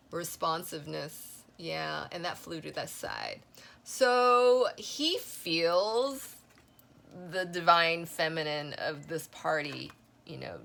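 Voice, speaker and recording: A woman giving a casual spoken tarot reading, rambling with many fillers and a voice that is going hoarse. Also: fairly low pitch, fairly bright tone, a little hiss or hum. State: losing her voice. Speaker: tarot reader.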